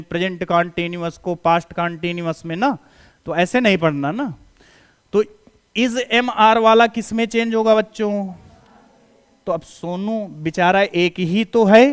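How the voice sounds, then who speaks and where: A man with a Hindi accent teaches English grammar to students in a high-pitched, clean voice. He repeatedly poses quiz questions and answers them himself, sounding coaxing and reassuring.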